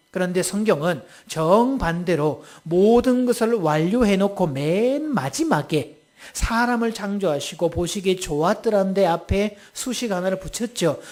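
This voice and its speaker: A male preacher with a notably high voice delivers a humorous sermon. He keeps the audience involved, throwing questions at them in a playful, teasing way. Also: a little mellow.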